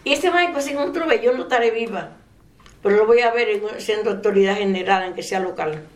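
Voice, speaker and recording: An older woman telling a faith story in a relaxed interview. She laughs often and trails off mid-sentence. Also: medium pitch, brisk. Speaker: interviewee sharing a faith testimony. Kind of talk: casual storytelling. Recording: echoey room.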